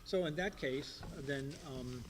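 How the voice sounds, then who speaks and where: A man's voice: medium pitch, slow pace, very noisy. A man chairing a town board meeting, speaking in an informal, hesitant way with many fillers and restarts. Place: town hall meeting room.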